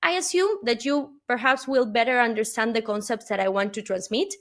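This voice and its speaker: An Argentine woman, Spanish being her native tongue, speaks English with her country's accent during an earnest webinar keynote. Her voice is on the high side, brisk and fairly bright, and she often says "uh" and tacks on a questioning "no?"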